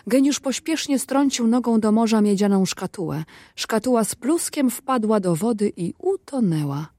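A woman narrating a storybook tale in a measured, even manner. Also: mid-range voice, no echo, studio quality. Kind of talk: storybook reading.

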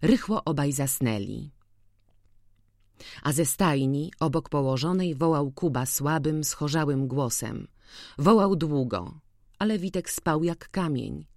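Slow measured narrator reading a classic novel, dry close sound. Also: medium pitch, lively intonation, gravelly, a little mellow, no room sound. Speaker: audiobook narrator. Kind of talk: literary audiobook narration.

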